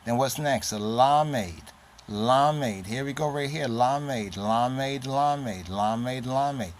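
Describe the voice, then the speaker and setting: A man's voice: mid-range voice, extremely slow, a little hiss or hum. A man giving an informal lesson on an alphabet, naming the letters one by one, repeating sounds and often checking in with "right?". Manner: repetitive, spells out letters one at a time, frequent "right?". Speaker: teacher. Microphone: handheld camera.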